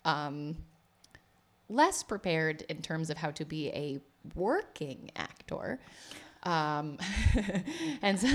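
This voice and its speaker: A woman, an actor and playwright, chatting in a casual interview and telling her story in a rambling, talkative way. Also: low-pitched. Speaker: actor and playwright, podcast guest.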